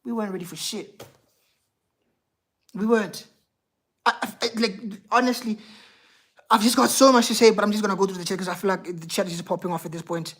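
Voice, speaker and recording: A woman's voice: medium pitch, little pitch movement, fast. A woman hosting a football live stream, ranting heatedly and profanely about her team and replying to viewer chat. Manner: reads out viewer chat and replies. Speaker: football livestream host.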